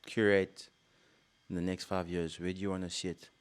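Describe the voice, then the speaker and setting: A man hosting a podcast, asking questions in a relaxed, chatty way. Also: low voice, moderate pace, smooth. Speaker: podcast host. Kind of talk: casual interview chat.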